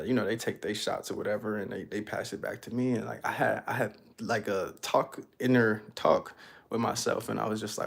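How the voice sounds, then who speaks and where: A young artist talks about his life in a laid-back, reflective monologue, musing aloud loosely and packing in fillers like "you know what I'm saying." His voice is fairly low and creaky.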